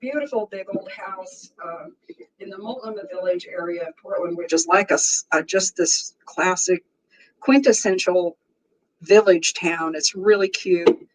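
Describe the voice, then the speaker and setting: Her voice is strong, on the low side, and a little slow; she's a woman in her sixties hosting a casual livestream. She chats easily with viewers and laughs frequently, though the audio is poor.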